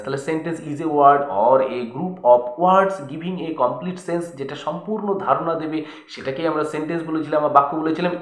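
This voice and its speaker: A male teacher with a West Bengal Bengali accent and a somewhat high voice. He walks through a grammar lesson by asking his students questions and then answering them himself. His voice rings in an echoey room. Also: a bit bright.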